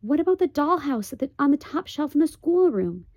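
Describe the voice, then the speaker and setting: A woman's voice: high-pitched, very animated, fairly quick, darkish tone, no room sound, pitched above the performer's own voice. Woman doing an earnest, anxious young boy. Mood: urgent.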